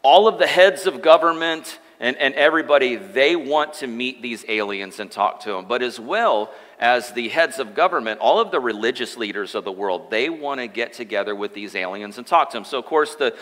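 A man's voice: mid-range voice, lively intonation, normal speed, few pauses, a bit bright. A man in his thirties preaching a sermon as pastor, joking and chatting with the congregation in asides, from a church stage. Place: church sanctuary. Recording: long church hall reverb.

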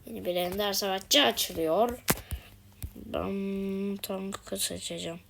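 Slow, exasperated woman gaming. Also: mid-range voice, fairly even intonation, vocal fry, noisy background. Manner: exasperated, exclaiming and pleading at the game. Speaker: gaming video host. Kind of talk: live game commentary.

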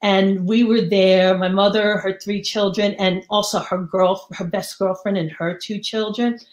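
A woman's voice: medium pitch, a little slow, echoey room. A woman from New York telling a personal childhood story to an audience, acting out the people in it. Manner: lively, theatrical storytelling with voices.

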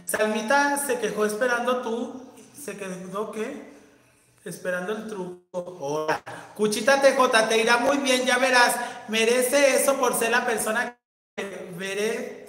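A flamboyant man with a Mexican accent chats casually to viewers on a livestream, reading their comments aloud in a bright, forceful voice. The room is very echoey, with a long reverb trailing each phrase. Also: high-pitched.

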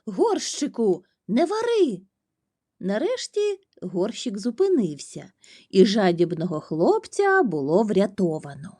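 A woman reads a children's fairy tale aloud at an unhurried pace. Her voice is mellow and expressive, rising and falling a lot. The sound is close and dry. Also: mid-range voice, dry recording. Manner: expressive, slow and animated. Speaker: storyteller. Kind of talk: reading a children's storybook aloud.

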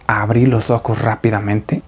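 A man's voice: fairly low pitch, little pitch movement, moderate pace, husky. A man narrating a listener's story in a conversational way, speaking directly to his audience. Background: faint background music.

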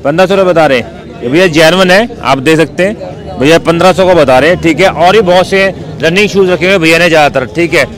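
Fairly high-pitched and a bit bright, a man talks fast while vlogging on foot through a street market outdoors. He chats upbeat with sellers about prices, repeating "bhai" and "theek hai." The recording is low-quality, with crowd chatter and traffic.

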